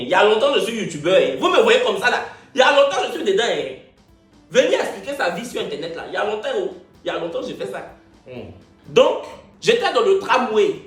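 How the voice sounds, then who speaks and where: A man's voice: sits high, roomy sound. A man in his twenties with an Ivorian French accent, telling a comic story from his life on his video channel. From Ivory Coast. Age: 20s. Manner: animated, joking, repeats phrases. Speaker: YouTuber.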